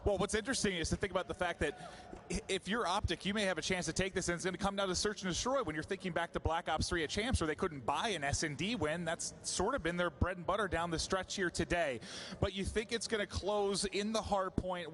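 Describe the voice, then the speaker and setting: A man's voice: high-pitched, brisk, a bit bright, a little hiss or hum. A man interviewing a player on site at an esports event, eager and chatty.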